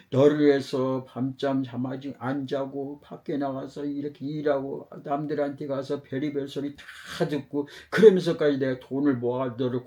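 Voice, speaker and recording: A man acting out an angry middle-aged father who berates his teenage son loudly and rapidly. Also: a little high, close to an everyday voice.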